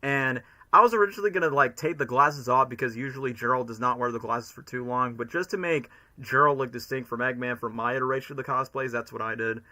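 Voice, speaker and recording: A man's voice: mid-range voice, quick pace, few pauses, bright, forceful tone. A man giving casual, chatty reaction commentary as a streamer. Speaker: streamer, cosplayer.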